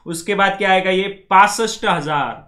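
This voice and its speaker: A man teaching a class, drilling numbers slowly and often checking that his students follow. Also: high-pitched, pushed and bright. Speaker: language teacher. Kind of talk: classroom lecture.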